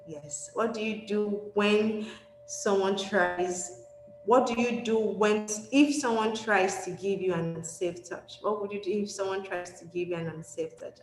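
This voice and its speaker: A woman presenting a safety webinar for children, animated and encouraging, often checking in with "okay?". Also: mid-range voice. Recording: echoey room, faint background noise.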